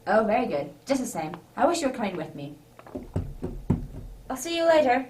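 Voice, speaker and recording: A woman playing Doctor Watson as a loyal, polite and cheery gentleman in a radio drama. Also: a little high, very animated, brisk, slight background noise. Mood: concerned, polite. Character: kindly, loyal doctor, Watson, eager to please.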